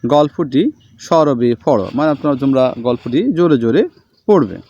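A man teaching a school language lesson, reading aloud slowly and repeating each word for his students. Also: mid-range voice, lively intonation, warm tone. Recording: dull lo-fi sound.

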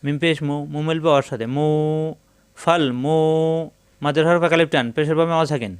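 A man with a Bangladeshi Bengali accent gives a methodical Quran spelling lesson, breaking words into syllables and drawing each one out in a slow chant. His voice sits a little high and sounds clear and resonant. The recording is dry and close, with no room sound. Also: no echo. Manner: slow drawn-out chanting of Arabic words between plain explanations. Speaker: Quran reading teacher. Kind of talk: step-by-step spelling and pronunciation lesson.

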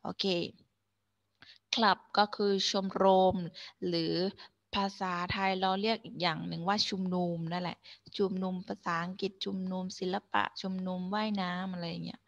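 A woman's voice: mid-range voice, steady tone, a little slow, vocal fry, highs cut off. A woman teacher giving an online English lesson to primary pupils, explaining patiently and mixing with English words.

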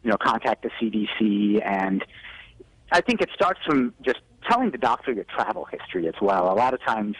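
On a televised news segment, a doctor dialed in by phone speaks very animatedly about health advice, often using "you know." His voice is fairly low and a bit bright, at a moderate pace. The telephone audio is rough and dry.

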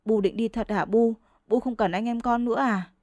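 A woman's voice: fairly high pitch, steady tone, moderate pace, darkish tone, no room sound, studio quality, lightly acted. A woman voicing a frightened young village boy who pleads anxiously with his mother in a storybook reading. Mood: pleading.

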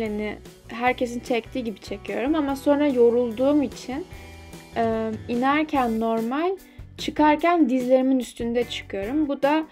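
Young woman, fitness vlogger, higher-pitched voice, chatty and instructive, soft music underneath. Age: young adult. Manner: chatty, instructive, slightly self-deprecating. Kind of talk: casual explanatory voice-over.

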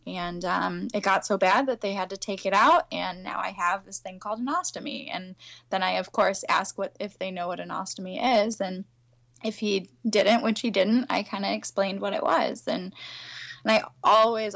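A woman guest speaks openly on a podcast. Her delivery is confident, upbeat and matter-of-fact. Her voice sits at an average pitch. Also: gravelly, fairly bright tone. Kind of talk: conversational podcast interview.

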